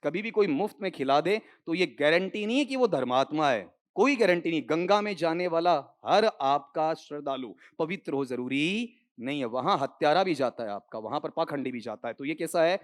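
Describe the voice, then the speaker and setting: High-voiced man teaching English grammar. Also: animated, normal speed, few pauses. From India. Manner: quizzes students, repeats words, calls them "sahab" and "beta". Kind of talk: exam-prep classroom lecture.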